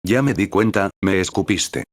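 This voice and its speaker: A proud, pompous teenage boy talks in a haughty, stiff way, as a man reads his lines. His voice is deep and the recording is dry. It is part of a read-aloud story. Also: lively intonation, normal speed, no echo. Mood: haughty, annoyed.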